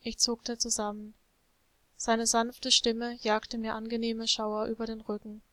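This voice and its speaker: Smooth-voiced woman telling a story. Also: a little high, measured pace, no echo. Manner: expressive, emotional reading. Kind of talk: first-person story narration.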